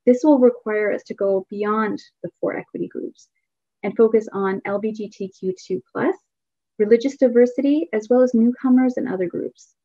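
A woman giving a keynote speech, reading a prepared presentation in a measured, formal way. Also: a little high, mellow, dry recording, lo-fi sound. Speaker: keynote speaker.

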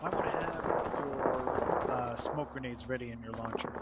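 A man's voice: medium pitch, a little slow, heavy background noise. Man calling out over a walkie-talkie. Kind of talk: military radio chatter in a game.

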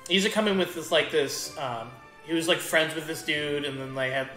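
A man's voice: on the high side, a little fast, sharp tone. A man chatting casually while he plays a video game, telling rambling stories with many restarts. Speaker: gaming streamer. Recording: echoey room with faint game music.

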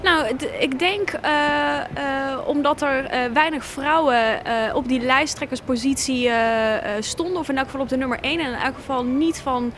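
A woman's voice: high voice, normal speed, hardly any pauses, a bit bright. Hesitant woman answering on the street. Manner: hesitant, many fillers. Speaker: passer-by. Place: outdoors on a town street. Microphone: handheld mic. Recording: faint street noise.

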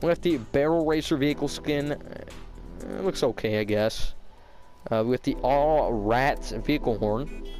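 Young male gaming YouTuber, mid pitch, casual slangy delivery, slight braces lisp, music behind. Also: a little slow, darkish tone. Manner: informal slangy bro-style talk. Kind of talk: casual video game commentary.

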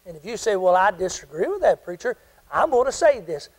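A man's voice: high voice, sing-song, brisk, low-quality recording. An older man preaching a sermon as pastor, often asking his congregation questions and waiting for answers. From South Carolina. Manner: call-and-response preaching, asks the congregation questions.

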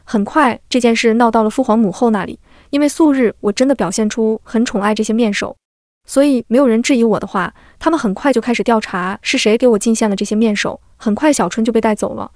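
A woman narrating a period romance audiobook as scripted narration, reading every character in one steady voice. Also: fairly high pitch, fast talker, no room sound, studio quality.

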